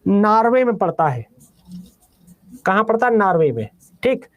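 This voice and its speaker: A man with a Bihari Hindi accent teaching a geography class, repeating each item slowly for students to write down and calling them "beta". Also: sits high, sing-song, no room sound, highs cut off.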